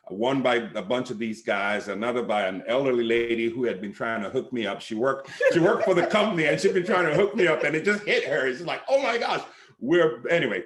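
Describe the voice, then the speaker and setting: A middle-aged man from Sierra Leone, a pastor, telling a personal story in a relaxed way with lots of fillers over a home video call. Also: mid-range voice, fairly quick, hardly any pauses, reverberant. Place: living room at home, indoors. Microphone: webcam on a video call.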